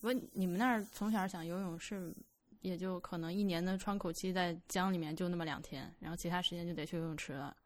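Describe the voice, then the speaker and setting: Chatty woman podcast co-host, low voice. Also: fast talker. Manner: chatty, self-deprecating, animated storytelling. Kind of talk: casual chat.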